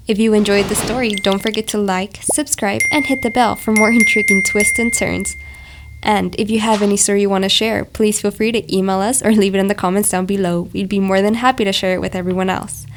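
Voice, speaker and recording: Woman, medium pitch, scripted host outro, slight background noise. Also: steady tone, brisk. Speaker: channel host. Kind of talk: scripted channel sign-off.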